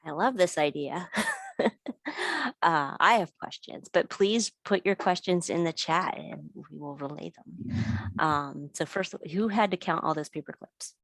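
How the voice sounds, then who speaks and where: A woman moderating a webinar Q&A over a video call, asking questions in a brisk, friendly way. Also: low voice, vocal fry, a bit bright, no echo.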